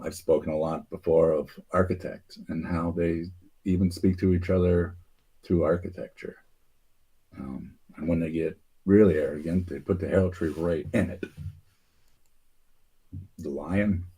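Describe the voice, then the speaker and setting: A man's voice: low-pitched, steady tone, unhurried, pauses often, dark tone, slightly rough. A man hosting a casual talk show, rambling through a theory with many fillers and restarts. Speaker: podcast host.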